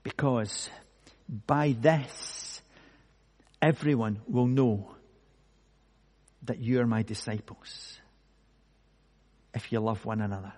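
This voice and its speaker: Slow husky preacher in a reverberant hall. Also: male voice, medium pitch, steady tone, a little mellow. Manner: slow, emphatic preaching with dramatic pauses. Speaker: pastor. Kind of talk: sermon.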